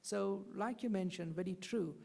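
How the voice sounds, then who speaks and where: Very gravelly panelist in a hall. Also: mid-range voice, moderate pace, a little mellow. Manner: agreeing, explanatory, many fillers. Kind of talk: panel discussion. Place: conference hall. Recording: hall reverb.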